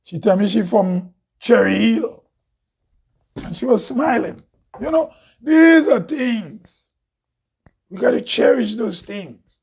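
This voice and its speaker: Slow and expressive with long pauses, a Grenadian man hosting an impassioned monologue preaches in a loud, husky, heavy voice pitched fairly high. He poses rhetorical questions and laughs frequently, on a dull, lo-fi recording.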